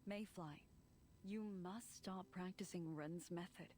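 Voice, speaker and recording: An actress playing a wise female martial arts master who teaches calmly and firmly. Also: on the low side, slow. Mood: stern. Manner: calm, instructive. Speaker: grand master. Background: game music.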